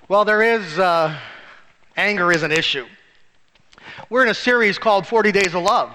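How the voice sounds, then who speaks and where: A man's voice: high-pitched, a little slow, long pauses, sharp tone, a little hiss or hum. A man preaching a sermon as pastor, telling a joke story with acted voices and rising sharply for emphasis. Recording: reverberant church hall.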